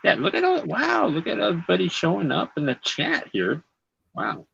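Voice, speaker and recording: A man hosting a casual online chat, animated and quick to laugh. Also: high-pitched, gravelly, slight background noise. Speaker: host. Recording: dull lo-fi call audio.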